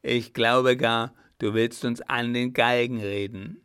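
A man voicing a drunken, jealous male clown who shouts coarse threats in an audiobook. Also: medium pitch, steady tone, takes it slowly, clear, resonant tone. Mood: drunk, furious. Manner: loud, growling threats. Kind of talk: audiobook character voice.

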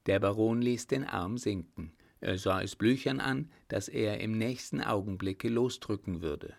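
A man reading a novel aloud as an audiobook narrator at a steady, measured pace. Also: lowish voice, gravelly.

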